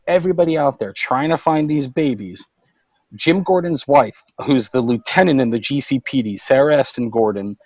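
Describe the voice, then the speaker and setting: A man's voice: medium pitch, no room sound, lo-fi sound. Man passionately retelling comic plots. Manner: animated storytelling, recounting plots in detail. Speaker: podcast co-host. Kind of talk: casual roundtable chat.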